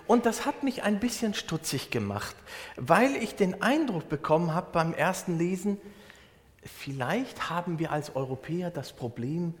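A male pastor gives a relaxed, conversational sermon and keeps it close to daily life. His voice sits a little high and moves a lot in pitch. The sound carries a long hall reverb. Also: normal speed. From Germany. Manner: conversational preaching with everyday examples. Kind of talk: sermon on a Bible verse.

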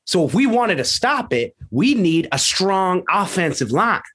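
A man's voice: very animated, measured pace, fairly bright tone, exaggerated voice. A man playing a blustering football coach. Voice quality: gruff, bewildered outbursts, voice cracking high. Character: blustering small-town male football coach, ignorant. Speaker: high school football coach. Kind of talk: comedy sketch interview.

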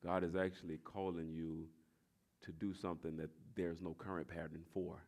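A pastor in his forties preaching a sermon, swinging from shouted exhortation to quiet, confiding talk, and repeating his phrases. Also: low-pitched, flat delivery, moderate pace. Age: 40s. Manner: repeats phrases and tells the congregation to address their neighbor.

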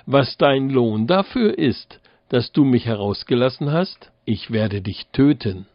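A man's voice: medium pitch, animated, a little slow, no echo, highs cut off, lightly acted. A man voicing a boastful, menacing male spirit from a bottle in a fairy tale reading. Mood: threatening. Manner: threatening, then pleading.

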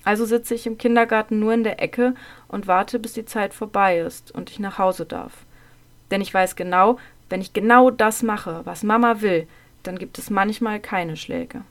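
A woman narrating a childhood memoir in the first person, in a calm, measured way, her phrases often dropping soft at the end. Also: medium pitch.

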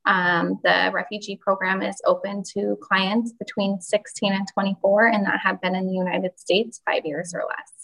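A woman's voice: medium pitch, flat delivery, moderate pace, creaky, hardly any pauses, fairly bright tone, poor audio. A woman who runs a youth refugee mentoring program, talking as a podcast guest and explaining things steadily with some ums. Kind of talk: podcast guest, casual talk.

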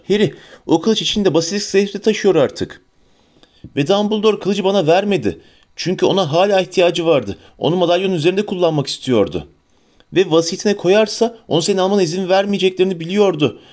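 A man voicing a clever, eager teenage girl who reasons quickly in an audiobook reading. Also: high voice, lively intonation, darkish tone, pitched above the performer's own voice.

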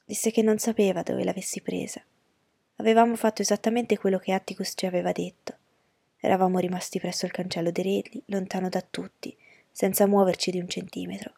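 A woman narrating an audiobook in a steady, even storytelling voice. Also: mid-range voice, a little fast, gravelly, husky, no echo. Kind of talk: audiobook reading.

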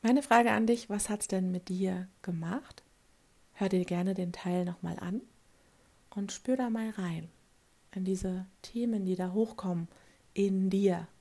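Woman coach with a gravelly voice. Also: mid-range voice, warm tone. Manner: earnest and direct, often asking a quick "ja?" for agreement. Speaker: life coach. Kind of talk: motivational monologue addressed to the listener.

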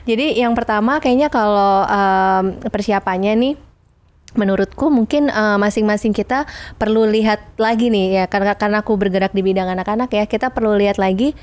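A woman psychologist speaking as a podcast guest in a mid-pitched voice. She is thoughtful and hedges a lot, dotting her sentences with fillers and soft tag questions. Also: brisk. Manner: thoughtful, hedging with many fillers and "gitu ya" tags. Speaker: clinical and family psychologist guest. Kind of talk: casual podcast chat.

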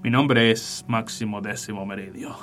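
A man voicing a stern, vengeful gladiator commander, reciting slowly and solemnly. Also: fairly low pitch, steady tone, fairly bright tone, soft background music, close to an everyday voice. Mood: solemn vow.

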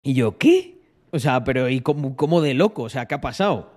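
A man's voice: medium pitch, quick pace, darkish tone. Spanish man telling a slangy anecdote. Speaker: vlogger. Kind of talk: casual storytelling.

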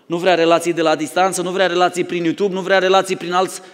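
Man, pastor, sermon, high voice, dramatic storyteller, long church reverb. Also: little pitch movement. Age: adult, married. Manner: dramatic storytelling, swings from loud calls to hushed tones. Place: church hall.

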